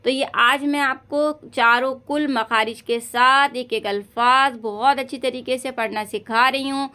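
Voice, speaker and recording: Slow, high, bright-voiced woman teacher. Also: fairly even intonation. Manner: patient, repeats "theek hai" often, recites verses slowly and stretched. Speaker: Quran recitation teacher. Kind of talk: online recitation lesson.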